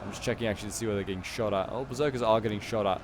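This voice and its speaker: A man gives off-the-cuff play-by-play on a strategy game. His delivery is colloquial and animated, reacting as things unfold. Clear ambient noise sits behind his voice. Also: fairly low pitch, rapid-fire. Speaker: gameplay commentator. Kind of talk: casual live commentary on a strategy game battle.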